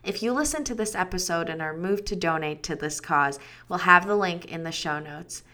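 A woman's voice: on the low side, normal speed, sharp tone. A woman hosting a podcast, giving an upbeat, enthusiastic scripted introduction. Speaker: podcast host.

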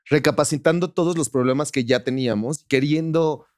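A man with a Mexican accent, a talk-show guest telling a personal story in a casual, animated way, acting out the lines of the people in it. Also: on the high side, brisk, dry recording, clean studio sound. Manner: animated, acts out quoted dialogue.

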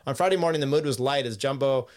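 A man's voice: medium pitch, fast talker, a little mellow. A man hosting a podcast in casual chat, rambling, swearing and laughing as he reads out news quotes. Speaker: podcast host.

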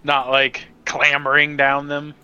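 Male tabletop player, fairly high and very sharp voice, casual chat, slightly dull lo-fi capture. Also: monotone, a little slow, clean tone.

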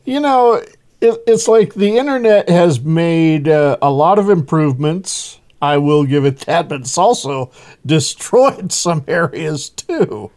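A man hosting a casual interview, relaxed, often chuckling and restarting his sentences. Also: a little high, unhurried. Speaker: interview host.

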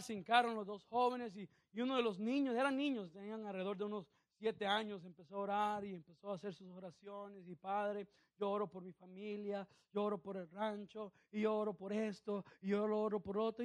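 A man's voice: high-pitched, a bit bright, no room sound, studio quality. A male pastor preaching a sermon who calls out questions to the congregation.

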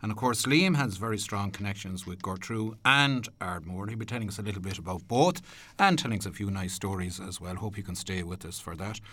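A man with an Irish accent hosting a radio programme from a studio, presenting in an unhurried, courteous, slightly hesitant way. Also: on the low side, a bit bright. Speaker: radio host. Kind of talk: radio presenting, part prepared narration, part chat.

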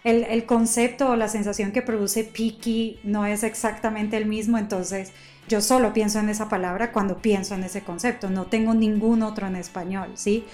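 A woman at a middle pitch speaks in relaxed conversation. She explains her thinking at length in a reflective, flowing way. Soft music lingers faintly behind her. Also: moderate pace. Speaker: conversation partner. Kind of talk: casual conversation.

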